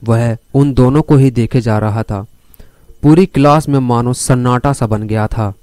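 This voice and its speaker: A man's voice: mid-range voice, a little slow, mellow, no room sound. A man narrating a crime story as a storyteller, leading his listeners step by step through the events. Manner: addresses listeners directly while telling the story.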